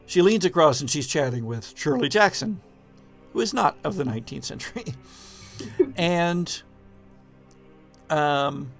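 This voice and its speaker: As game master of a tabletop horror game, a man with a fairly high voice narrates an improvised scene. His descriptive phrasing is halting and deliberate.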